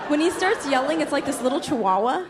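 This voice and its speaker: A woman from the United States doing a stand-up set on a club stage, with punchy delivery and quick switches into parent voices. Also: high-pitched, very animated. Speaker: stand-up comedian. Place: comedy club stage with audience laughing. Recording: live club recording with crowd noise.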